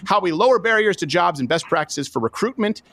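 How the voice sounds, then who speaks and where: A man's voice: high voice, animated, a little fast, a bit bright. A man hosting a casual political talk show, sarcastic and mocking, laughing at his own jabs. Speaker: host.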